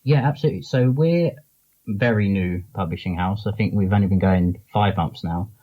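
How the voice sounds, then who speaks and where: His voice sits low and moves at a moderate pace as he gives loose, rambling, informal explanations in an interview. He's a guest there as a comics charity founder and publisher, and the audio's high end is cut off.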